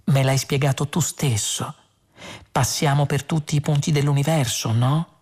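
A man's voice: on the high side, fairly even intonation, a little mellow, breathy edge. A man voicing a patient, exasperated space heroine. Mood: calm. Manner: patient, deliberate. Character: patient, exasperated young woman starship companion.

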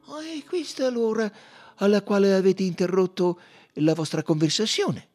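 A man's voice: high voice, moderate pace, darkish tone, pitched above the performer's own voice, lightly acted. A man reading an audiobook, voicing a fussy, probing older male detective who questions in a coaxing, insistent way.

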